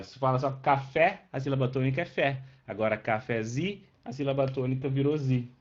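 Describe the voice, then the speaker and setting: A man, teaching a live online class and patiently checking in with his students as he explains. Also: mid-range voice. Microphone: webcam microphone. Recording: dull lo-fi online class audio.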